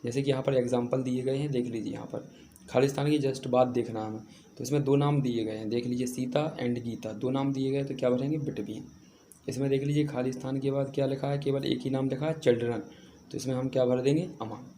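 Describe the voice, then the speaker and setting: A man's voice: mid-range voice, fairly even intonation, a little fast, mellow, a little hiss or hum. A man teaching an exam lesson over a screen recording, patiently repeating points and answering his own questions. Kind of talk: exam prep lesson walking through a paper.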